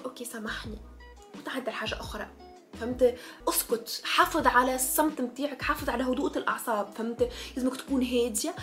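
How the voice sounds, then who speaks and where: A woman's voice: sits high, fairly bright tone. A woman with a Tunisian Arabic accent giving casual advice, emphatic and direct, often checking that the listener understands, mixing in French and English. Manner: emphatic, keeps asking "understood?". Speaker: advice giver.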